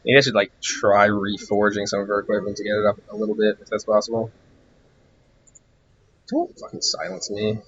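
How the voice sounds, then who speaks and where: A man streaming a game, rambling distractedly through casual commentary while he grows hoarse and loses his voice. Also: on the low side, flat delivery, fast, few pauses, a bit bright, dull audio, slight background noise. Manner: rambling, distracted, musing aloud.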